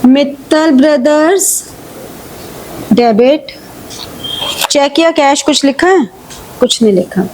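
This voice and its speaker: A woman's voice: high voice, a little mellow, a little hiss or hum, rough recording. A woman accountancy teacher, working through journal entries step by step and often checking whether students follow. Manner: reads question text slowly, then explains in quick Hindi-English mix; checks understanding with frequent "ठीक है" and questions. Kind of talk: live online class, solving problems step by step.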